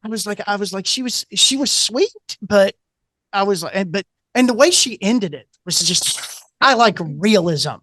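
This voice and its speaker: Middle-aged man, guest author, animated storyteller who acts out quoted voices. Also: sits high, normal speed, dry recording, studio quality. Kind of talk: casual storytelling interview.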